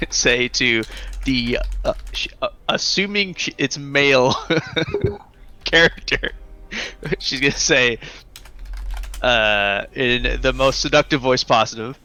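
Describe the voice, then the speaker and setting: Man playing a tabletop game, giggly, very bright tense voice, middle pitch. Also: clear, resonant tone, low-quality recording. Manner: giggly, lots of fillers. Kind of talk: casual tabletop game chat.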